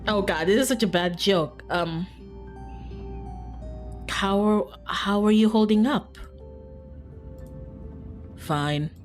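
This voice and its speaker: A woman streams herself playing a visual novel, reading it aloud and commenting in a casual, giggly way, often cutting herself off. Her voice is medium in pitch, her pace slow, and she pauses often. Music plays behind her.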